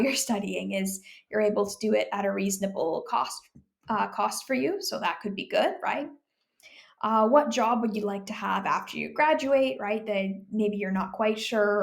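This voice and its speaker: A young woman tutor walks through speaking-test questions in a relaxed, chatty manner. Her mid-range voice carries a gravelly fry at the ends of phrases. She is from Ontario, Canada, and leans on fillers and "right?" tags. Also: mid-range voice. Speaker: IELTS tutor. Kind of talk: explaining exam questions.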